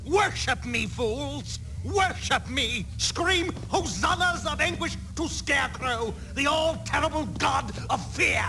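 An actor playing a grandiose, ranting scarecrow villain in a game, making booming, theatrical proclamations. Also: male voice, takes it slowly, creaky, music in the background, heavily acted, low-quality recording.

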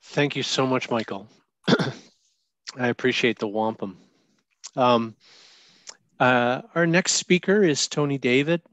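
A man moderates a panel from a room at home, speaking through a headset on a video call. His voice sits at a middle pitch and sounds dry and close, with little room around it. He thanks the last speaker and introduces the next one politely, with a few fillers along the way. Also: slow pace, pauses often, a bit bright, no room sound, lo-fi sound.

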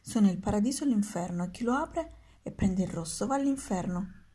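A woman's voice: mid-range voice, lively intonation, brisk, warm tone, close to an everyday voice. A woman voicing a curious, doubtful schoolboy in a storybook, who protests and questions.

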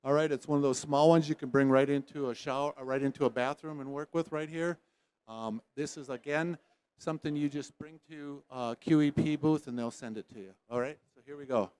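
A man's voice: a little high, a little fast, clear, resonant tone. Teasing trade-show emcee man. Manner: teasing, playful, loud bursts of excitement. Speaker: host drawing prize winners.

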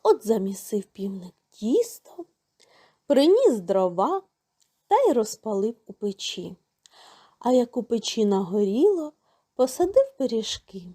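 A woman reading a folk tale aloud to children in a slow, singsong storybook narration. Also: fairly high pitch, sing-song, mellow, slightly rough.

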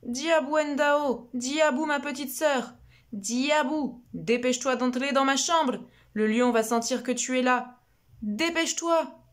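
A woman giving voice to a protective older brother in a storybook, begging his sister to hurry in. The calls come high and insistent, pitched well above the storyteller's own voice. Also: takes it slowly. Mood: pleading. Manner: pleading, insistent.

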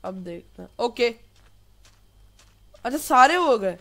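A man's voice: extremely high pitch, lively intonation, takes it slowly, creaky, bright, forceful tone, a little hiss or hum. A man giving casual gameplay commentary, chatty and apologetic, mixing English words into his talk. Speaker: gameplay youtuber.

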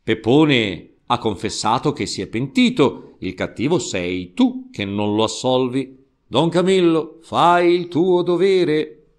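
A man's voice: mid-range voice, lively intonation, slow. A man doing a solemn, reproving Christ. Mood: stern. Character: stern but kindly Christ speaking from the cross.

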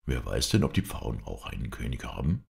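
A man reading aloud and voicing a patient young king who speaks calmly and soothingly. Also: a bass voice, brisk, vocal fry, voice pushed down, heavily acted. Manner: soothing, calm. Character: gentle older brother king, patient.

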